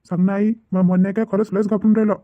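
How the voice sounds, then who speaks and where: A man's voice: high-pitched, little pitch movement, racing, no echo, narrow, tinny audio, close to an everyday voice. A man voicing a worried young village brother who rambles and repeats himself in a cartoon family drama.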